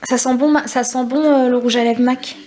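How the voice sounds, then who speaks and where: A young woman with a regional French accent, vlogging casually into a handheld camera, chatty and quick to laugh. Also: high voice, fairly even intonation, a little mellow. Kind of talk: casual vlog chat.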